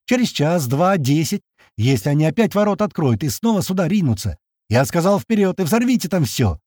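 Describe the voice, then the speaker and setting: A man voicing a frantic, bespectacled, curly-haired male technician who shouts orders insistently. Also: very animated, brisk, no room sound, clean studio sound. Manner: shrill, insistent, bossy.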